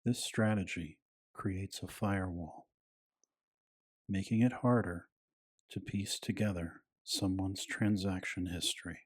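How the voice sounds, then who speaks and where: A man narrating a scripted bedtime piece in a hushed, soothing, soft-spoken ASMR style with a breathy voice. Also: deep voice, steady tone, a little slow.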